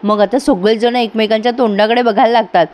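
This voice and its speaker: A woman's voice: fairly high pitch, fairly even intonation, fast, darkish tone. A woman retelling a TV serial episode to her viewers in a chatty, storytelling way. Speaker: TV serial reviewer.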